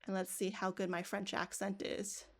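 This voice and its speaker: A woman's voice: medium pitch, flat delivery, normal speed. Lady walking teachers thru a coding demo, chatty, keeps restarting sentences. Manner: casual, thinking aloud with restarts. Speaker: teacher trainer. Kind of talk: live coding workshop demo.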